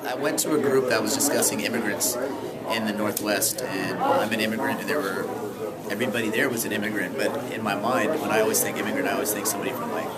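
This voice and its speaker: A man sharing thoughtful reflections at a community forum, pausing and restarting as he thinks. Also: fairly low pitch. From Sudan. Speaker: forum participant. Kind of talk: casual spoken reflection. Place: large public hall at a community forum. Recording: noisy crowded hall. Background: loud crowd chatter.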